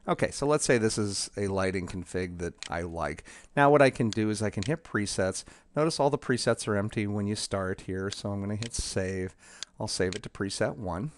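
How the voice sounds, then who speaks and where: A man with a fairly low voice talks through a software demo, halting and restarting often as he clicks along. His delivery is loose and unscripted, full of ums. A faint hiss sits under the voice. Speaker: software developer demonstrating his tool. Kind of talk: casual software demo walkthrough.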